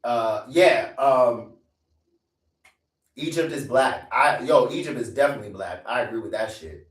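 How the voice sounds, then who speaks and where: This live stream host, a man in his 20s, rants casually with profanity and repeated lines for emphasis. His medium-pitched voice moves a little slowly, recorded away from the mic in a room with echo.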